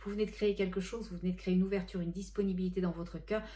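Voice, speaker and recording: A middle-aged woman, a spiritual medium chatting through a channeling session and passing on messages in gentle tones. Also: on the low side, steady tone, racing.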